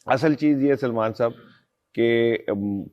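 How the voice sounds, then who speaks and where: A man's voice: medium pitch, a little mellow, lo-fi sound. Guy on a political talk panel, gets fired up and indignant, keeps firing questions. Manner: impassioned, rising to indignant rhetorical questions. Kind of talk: political talk show discussion.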